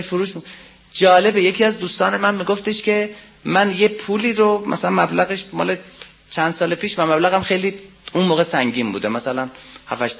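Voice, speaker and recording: A man preaching a sermon, swinging between loud emphatic rises and low quiet asides, and reciting scripture in a drawn-out chant. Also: breathy edge. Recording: dull lo-fi sound.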